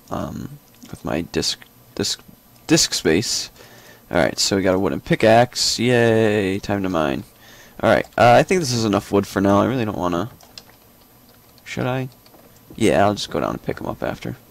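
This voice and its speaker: A man's voice: on the low side, vocal fry. A young man casually commenting as he plays a video game, thinking aloud with lots of fillers and small joking asides. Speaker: gameplay commentator. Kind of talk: casual let's-play commentary.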